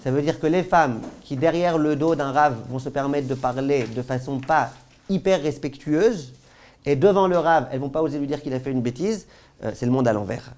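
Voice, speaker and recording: Un homme, rabbin, qui donne un cours de loi juive vivant, avec des anecdotes, et qui passe souvent de l'emphase forte aux apartés à voix basse. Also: male voice, normal speed. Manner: animated storyteller, jumps between loud stress and quiet asides; asks the class questions. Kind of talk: lively halakha class told with anecdotes.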